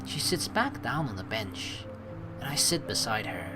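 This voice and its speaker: With game music playing, a man hosts a rambling, informal let's play, alternating between offhand commentary and dramatic narration of the story text. He talks at normal speed in a medium-pitched voice with big swings in pitch.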